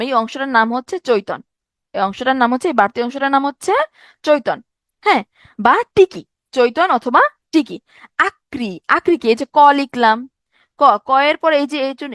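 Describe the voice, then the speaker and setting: A woman's voice: high-pitched, fairly bright tone, no room sound, studio quality. A young woman giving an exam-prep grammar lecture, explaining step by step and asking rhetorical questions. She sounds tired from a sleepless night. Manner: explanatory, asks rhetorical questions, repeats points. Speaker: teacher.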